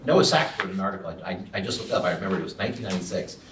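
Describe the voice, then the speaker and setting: A man's voice: sits low, very fast, background noise. A man asking a question at a panel, thinking aloud with frequent restarts. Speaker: audience member. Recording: echoey room from far off.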